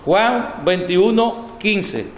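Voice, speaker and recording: A man, a church elder preaching a Bible study sermon, reading scripture slowly and explaining it. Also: sits high, expressive, a little hiss or hum. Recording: echoey church hall.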